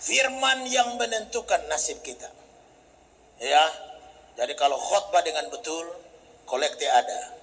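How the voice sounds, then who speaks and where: A male pastor from Sumatra, preaching a humorous sermon, joking and breaking into shouts. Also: fairly high pitch, unhurried, pauses often, a little hiss or hum.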